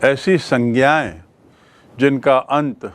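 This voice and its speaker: A man's voice: medium pitch, fairly even intonation, slow. A man with a Hindi accent teaching English grammar in a classroom lesson, patiently repeating key words back as questions to his students. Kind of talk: classroom lesson explaining rules.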